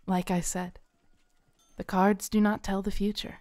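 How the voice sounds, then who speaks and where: Here the same kindly, playful Renaissance faire tarot reader, voiced by a woman, turns solemn and encouraging as she addresses the listener in a soft-spoken roleplay. Her medium-pitched voice is natural, smooth, and soft, with a flat delivery that stays unhurried, soothing, and theatrical, broken by dramatic pauses. A close studio mic keeps it dry, with no echo.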